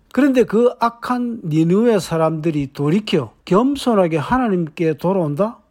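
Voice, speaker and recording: A male preacher with a fairly high voice retells a story in a sermon. He speaks conversationally, slipping in wry asides to the congregation. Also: a little mellow.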